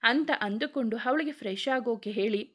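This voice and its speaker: A woman's voice: fairly high pitch, normal speed, a bit bright. A woman reading a dramatic story aloud as a storyteller, in her own voice, with light changes for the characters' lines. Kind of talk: scripted story narration.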